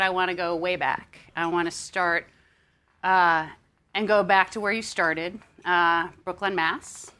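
Speaking with a fairly low, sharp-toned voice, this American woman hosts a live interview on a stage in front of an audience. She works as a magazine editor and interviewer, and her manner is upbeat and chatty, peppered with ums.

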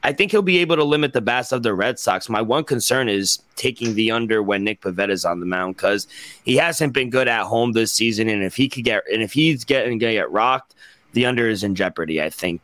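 A man co-hosting a betting podcast, recorded close and dry with no room sound. His voice sits mid-pitch, and he talks loosely, restarting sentences and trailing off. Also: fairly quick, fairly bright tone, no echo. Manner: self-correcting, trails off at ends of thoughts. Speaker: podcast co-host. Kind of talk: casual sports betting chat.

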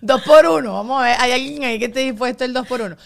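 A young woman hosting a casual podcast chat, telling stories with sudden bursts of loud emphasis. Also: high voice, steady tone, very fast, vocal fry. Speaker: podcast host.

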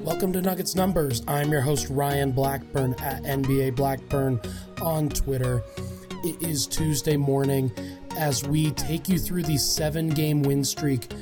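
A man hosting a sports podcast with commentary, his voice gravelly, hoarse and worn out from being sick. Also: a little high, steady tone, measured pace, loud music behind the voice. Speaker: podcast host.

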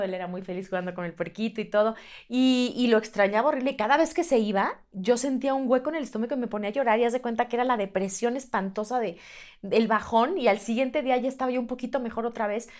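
Animated woman telling a story. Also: fairly high pitch, fast. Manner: animated storyteller, acts out quoted voices. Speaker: podcast guest. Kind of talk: casual chat.

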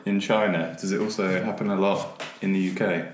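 A man with a very low voice hosts a casual podcast chat, teasing and laughing often. He sounds crude and playful. The room is echoey. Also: fairly even intonation, slight background noise. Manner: joking, crude, quick to laugh. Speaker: podcast co-host. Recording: roomy echo.

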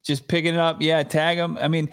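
A man's voice: a little high, level tone, fairly quick, fairly bright tone, clean tone. A man with an American accent co-hosting a sports show conversationally, often rephrasing mid-sentence. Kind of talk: conversational sports talk and ad reads.

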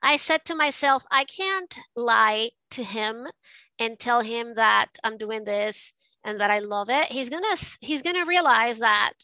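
Middle-aged woman from venezuela telling her story, bright clear voice, dry close sound. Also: a little high, measured pace, no echo, rough recording. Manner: reflective, storytelling, many restarts. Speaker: guest, art advisor. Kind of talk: casual interview.

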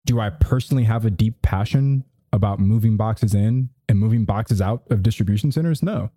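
A man with a low, very soft and dark voice talks casually as a podcast co-host, explaining things conversationally and checking in as he goes. The sound is dry and close. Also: fairly quick, no room sound. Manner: often checks in with "right?". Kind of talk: casual podcast advice talk.

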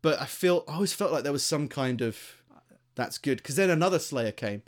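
Man, southern English accent, very animated pitch, rambling casual podcast banter, jokey. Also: a little fast. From Greater London, England. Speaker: podcast co-host.

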